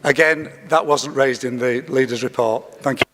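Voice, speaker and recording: A man's voice: mid-range voice, moderate pace, fairly bright tone. A man serving as mayor who chairs a council meeting and firmly cuts in to keep order. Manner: firm, interrupts to keep order. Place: large council chamber. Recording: echoey chamber, faint noise.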